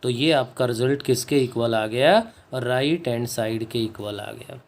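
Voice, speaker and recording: A man's voice: medium pitch, creaky. A man teaching a maths lesson, working through a proof step by step and often checking in with his students. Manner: slow and deliberate, dictates English phrases word by word, checks in with students. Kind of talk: board-work maths lesson.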